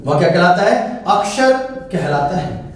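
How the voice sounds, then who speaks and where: A man's voice: high voice, lively intonation, measured pace, recorded from a distance, slight background noise. A man teaching Hindi grammar in a classroom style, asking questions and answering them himself. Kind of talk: classroom lesson explaining grammar. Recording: very echoey room, voice away from the mic.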